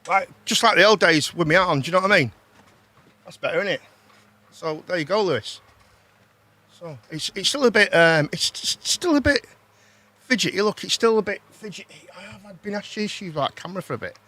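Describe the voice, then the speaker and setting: A man's voice: sits high, lively intonation, a little fast, pushed and bright. A British man hosting a casual livestream, chatting informally, repeating himself and often ending on tag questions. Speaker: host.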